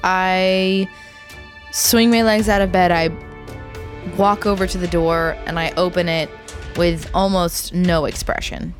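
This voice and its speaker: A woman's voice: lowish voice, steady tone, slow pace, soft background music. A woman playing her character in a tabletop game, hesitant and stammering, soothing another character. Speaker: player. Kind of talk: in-character tabletop role-play.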